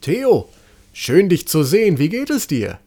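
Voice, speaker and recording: A man's voice: a little high, huge pitch swings, measured pace, pitched above the performer's own voice, full character voice. A man voicing a cheery, friendly male apothecary in a storybook reading. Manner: bright, welcoming.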